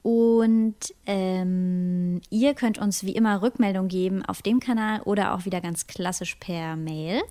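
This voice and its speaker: A woman co-hosting a casual podcast chat, stressing many words in a lively, melodic way. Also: medium pitch, unhurried. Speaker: podcast co-host.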